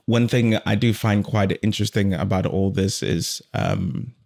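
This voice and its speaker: A man hosting a casual podcast conversation, animated and rambling at times. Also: low voice, measured pace, vocal fry. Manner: animated, loses his train of thought. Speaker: podcast host.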